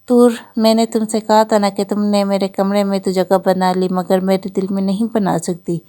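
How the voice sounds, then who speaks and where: A woman's voice: medium pitch, little pitch movement, dark tone, lightly acted. Woman reading as a stern romantic husband. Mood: tender. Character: stern proud young husband, softening.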